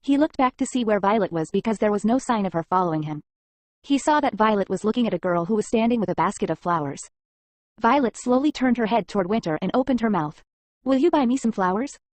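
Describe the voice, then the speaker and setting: A woman narrating a comic story recap in an even, plain reading manner. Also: medium pitch, fast talker, no room sound.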